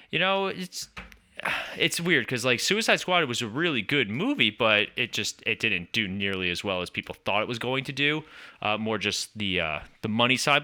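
A man's voice: mid-range voice, bright, forceful tone, clear, resonant tone. A man hosting a podcast in a casual, chatty style. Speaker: podcast host.

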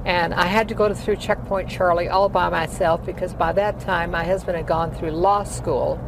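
Heavy traffic rumbles behind a woman in her eighties as she reminisces about her opera-singing career in a casual interview. Her fairly low voice keeps fairly even intonation at normal speed, and her storytelling rambles with many fillers.

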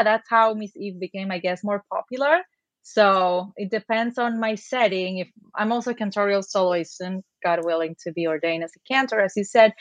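A woman's voice: mid-range voice, dry recording. Woman, dry close sound. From Buenos Aires, Argentina. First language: Spanish. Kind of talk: interview conversation.

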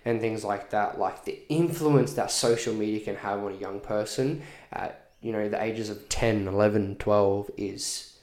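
A man's voice: on the low side, steady tone, measured pace, darkish tone. A man talking casually and earnestly in a podcast conversation, repeating phrases for emphasis. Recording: echoey room.

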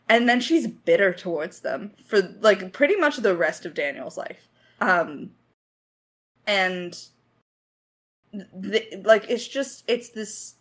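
In a relaxed creator Q&A, a woman who leads the writing on an audio drama podcast muses about her craft, hesitating and poking fun at herself. Her voice is mid-pitched with a fairly bright quality.

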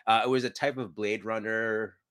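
A man's voice: lowish voice, fairly even intonation, moderate pace, a bit bright, clear, resonant tone. A man co-hosting a podcast in casual chat, laid-back and opinionated, often restarting his sentences. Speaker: podcast co-host.

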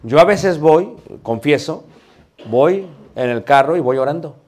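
A man's voice: on the high side, unhurried. A man teaching a homiletics class, joking with his listeners and calling them brothers. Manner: lively, playful, addresses listeners as brothers. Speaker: preaching instructor.

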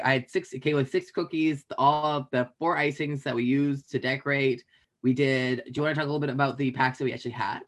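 In a casual podcast chat, a Canadian co-host rambles and jokes, often restarting his sentences. His voice sits in the mid range and has a slightly bright quality.

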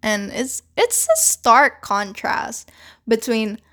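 In a slow, sing-song voice that's slightly high and fairly bright, a young woman from the Philippines hosts a casual solo podcast. She has a Canadian accent, leans on fillers like "like" and "you know," and swears offhandedly.

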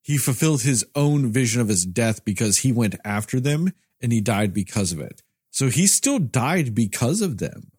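A man's voice: medium pitch, sing-song, normal speed, darkish tone, husky, no echo, clean studio sound. A man co-hosting a movie review podcast who rants sarcastically and swears freely. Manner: sarcastic, ranting, profane. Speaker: podcast co-host. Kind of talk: casual movie review chat.

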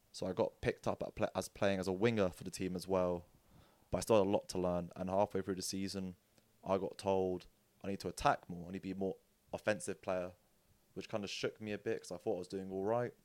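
A young Englishman talks through his rugby years as a podcast guest, lively and joking. His voice sits a little low. It is recorded dry and close, with no room sound. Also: fairly quick, clear, resonant tone, dry recording. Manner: animated storyteller, acts out quotes with jokes and laughs. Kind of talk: casual storytelling chat.

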